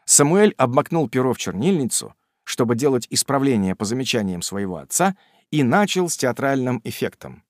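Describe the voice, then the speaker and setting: A man narrating a classic novel in a measured storytelling manner. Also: mid-range voice, sing-song, no room sound, clean studio sound. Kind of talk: audiobook reading of a classic novel.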